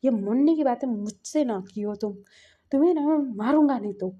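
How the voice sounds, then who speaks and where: A woman's voice: a little high, brisk, warm tone, lo-fi sound, close to an everyday voice. A woman voicing a stern but caring old grandfather who scolds his grandson. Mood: scolding. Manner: scolding, pleading.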